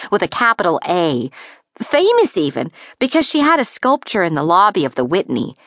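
A woman's voice: mid-range voice, no echo, studio quality. A woman narrating a teen novel in the first person, in a wry, breezy teenage voice. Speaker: audiobook narrator.

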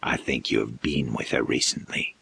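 A man voicing a towering, inhuman male creature who threatens slowly in a low, dark voice. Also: steady tone, vocal fry, slightly rough, full character voice. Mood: menacing. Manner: slow, low, threatening growl. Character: towering male monster, menacing interrogator.

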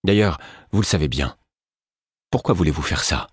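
A man's voice: very deep voice, lively intonation, moderate pace, husky, no room sound, clean studio sound, exaggerated voice. A man narrator voicing an angry, protective young mother who speaks curtly and reproachfully. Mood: sharp, reproachful. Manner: curt, sharp, reproachful.

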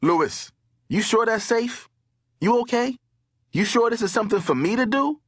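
A man voicing a jumpy, self-protective twelve-year-old boy who talks loud and excitable. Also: medium pitch, moderate pace, husky, dry recording, clean studio sound. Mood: nervous.

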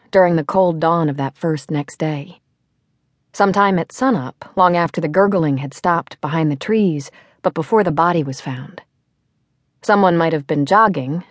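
Lowish, reflective woman narrator. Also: no room sound, studio quality. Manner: reflective, musing reading. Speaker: audiobook narrator. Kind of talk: scripted narration.

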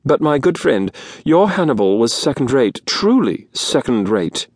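A man's voice: mid-range voice, very animated, unhurried, a little mellow, slightly rough, no echo, studio quality, voice pushed up, full character voice. A man voicing a huge, furred male alien who talks in a sly, needling way.

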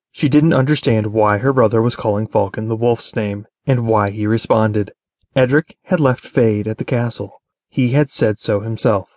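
A man reading fantasy fiction aloud as an audiobook narrator, in a measured, even way. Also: mid-range voice, dry recording, highs cut off. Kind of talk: scripted narration.

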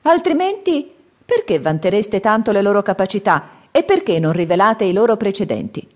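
A woman's voice: medium pitch, sing-song, moderate pace, darkish tone, voice pushed up, lightly acted. A woman voicing a cheeky, shape-shifting male monkey king who talks in a cocky, teasing way. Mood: polite.

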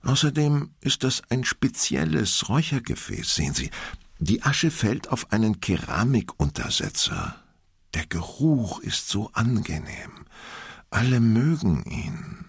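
Defensive young office woman with a soft, gentle and slightly whiny voice, as a male narrator puts her on. The voice sits a little higher than his own and stays husky and gravelly underneath. It is an audiobook read in a dry, close sound. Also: huge pitch swings, takes it slowly, hardly any pauses, no echo, full character voice. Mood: soothing. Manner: soothing and gentle, turning whiny. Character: young female office worker, hurt and defensive.

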